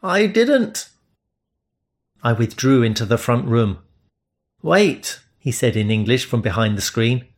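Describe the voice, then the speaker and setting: In a measured, steady reading, a male audiobook narrator voices first-person romantic prose with a mid-range pitch.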